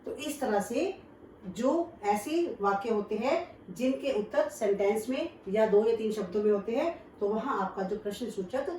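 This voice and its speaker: A woman's voice: a little high, expressive, measured pace, darkish tone, slight background noise. A woman teaching Hindi grammar to children, patiently explaining each point with examples. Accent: Indian Hindi. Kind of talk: classroom grammar lesson. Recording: roomy echo, voice from a distance.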